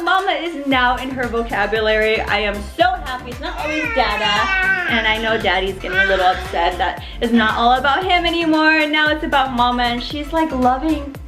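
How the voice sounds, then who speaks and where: Upbeat young mom chatting to viewers. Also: female voice, a bit bright. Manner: chatty, upbeat, addresses viewers as you guys; mimics baby sounds in a high playful voice. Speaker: mom vlogger. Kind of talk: casual baby update vlog. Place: home living room.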